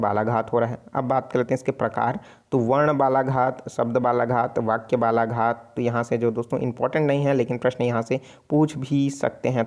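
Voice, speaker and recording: A man's voice: mid-range voice, darkish tone. A man with a Chhattisgarhi accent teaching an online exam-prep class, explaining steadily, sounding out letters and correcting himself often. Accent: Chhattisgarhi Hindi. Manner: explanatory, repeats sounds aloud, frequent self-corrections. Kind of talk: casual spoken lesson.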